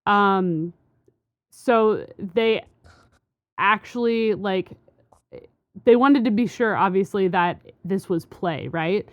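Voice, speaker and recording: A woman's voice: medium pitch, slow pace, long pauses, no room sound, lo-fi sound. A woman co-hosting a podcast, explaining a science study in a rambling, casual way with many fillers and restarts. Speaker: podcast co-host.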